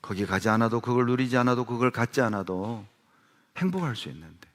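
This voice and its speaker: A middle-aged man preaching a sermon as pastor, emphatic and animated, often asking rhetorical questions. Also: mid-range voice, brisk. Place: church hall with long reverb. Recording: reverberant church hall recording.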